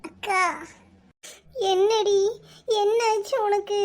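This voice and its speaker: A woman's voice: very high voice, level tone, slow pace, faint music behind. A woman voicing a worried young village woman with a Kanyakumari Tamil accent, tearfully tending her feverish sister in a cartoon. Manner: worried, pleading, soft-spoken.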